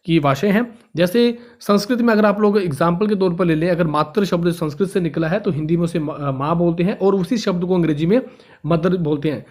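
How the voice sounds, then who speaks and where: A man with a high voice teaches from a textbook, speaking to his students as friends. He reads each passage aloud and then goes back over it in easier words. He often trips over a word and starts it again. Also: darkish tone. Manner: reads a line, then explains it in simpler words; often stumbles and restarts words. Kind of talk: reading and explaining a textbook lesson.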